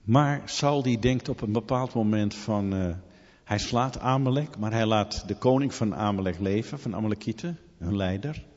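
A man preaching a sermon in an animated storytelling manner, full of rhetorical questions. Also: on the low side, moderate pace. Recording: long hall reverb, dull lo-fi sound.

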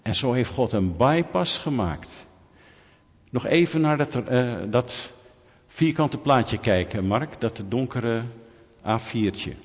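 A man delivers a sermon at a medium pitch, pressing his points hard and throwing questions out to the congregation. His voice rings with a long hall reverb. The recording sounds dull and muffled. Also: lively intonation, slow. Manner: emphatic, asks the audience rhetorical questions. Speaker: preacher.

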